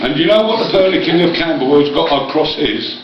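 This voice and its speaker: A Cockney man with a high, animated voice gives a cheeky live talk as a slang guide. He teases his listeners and keeps checking they follow. The recording is very echoey and picked up from a distance. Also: a little fast, crowd noise. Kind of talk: bantering live talk teaching slang to an audience. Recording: echoey, noisy, muffled, distant microphone.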